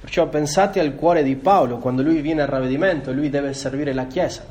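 A man preaches a sermon with a voice on the higher side for a man. He reads verses aloud between his comments and speaks straight to his listeners. He often poses a question and then answers it himself. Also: a little fast, a little mellow. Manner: addresses listeners directly, asks and answers own questions.

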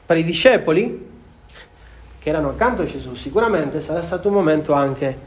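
High-voiced man preaching a sermon. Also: expressive, fairly quick, slight background noise. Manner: earnest, repeats phrases for emphasis.

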